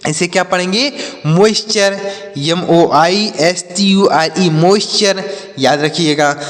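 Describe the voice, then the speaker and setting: A man's voice: high voice, takes it slowly, a bit bright, big-room sound. A man teaching an English reading lesson, spelling each word out letter by letter, then repeating it and answering his own questions. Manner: asks questions and answers them himself.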